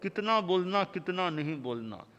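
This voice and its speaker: A man delivering a sermon as a spiritual teacher, in measured, rhythmic lists of short phrases. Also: high-pitched, big pitch swings, pushed and bright. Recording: long hall reverb.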